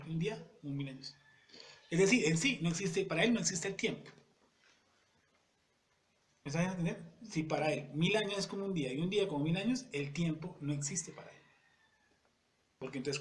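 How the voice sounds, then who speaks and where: A man teaching a Bible study in a conversational way. He often checks in with the audience and reads scripture verses slowly and deliberately. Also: fairly high pitch, animated. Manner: conversational, keeps asking "yes or no?" to the audience.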